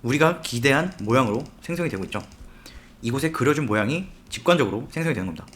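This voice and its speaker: A man teaching a software tutorial step by step, often asking the viewer questions as he works. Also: mid-range voice, lively intonation, fast, a little hiss or hum. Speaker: software instructor. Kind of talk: screen-recorded tutorial.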